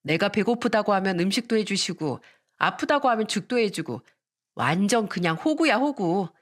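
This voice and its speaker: A woman's voice: medium pitch, expressive, moderate pace, natural voice. A woman voicing a scheming young daughter-in-law who mocks her mother-in-law and then begs for forgiveness. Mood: smug. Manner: smug on the phone, tearful pleading to her mother-in-law.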